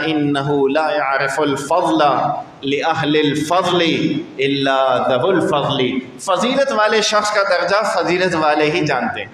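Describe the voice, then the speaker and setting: A man's voice: fairly high pitch, fairly bright tone. A man from Pakistan delivering a sermon to a congregation in a mosque, exhorting them with rhetorical questions. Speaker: mufti preacher. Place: large mosque hall. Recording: echoey mosque with long reverb, faint noise.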